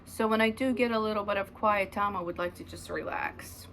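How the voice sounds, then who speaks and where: A knitting vlogger from Ukraine, in her thirties, talks a little fast about her knitting indoors at home, meandering and saying "um" often. She has a mid-range, fairly bright voice, and there's a touch of background noise.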